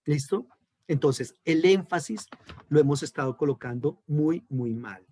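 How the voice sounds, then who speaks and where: A man's voice: on the high side, expressive, measured pace, dark tone, no room sound, studio quality. A man with a Colombian accent, a pastor teaching a theology class, emphatic and checking in with his listeners often. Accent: Colombian Spanish. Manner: emphatic, checks in with frequent "¿listo?". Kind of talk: online class lecture.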